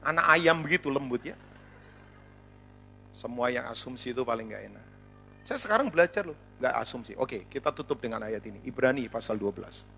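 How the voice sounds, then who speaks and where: A man pastor preaching a sermon, telling funny stories in an animated way. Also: mid-range voice, brisk, creaky, slight background noise. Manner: animated storytelling with jokes.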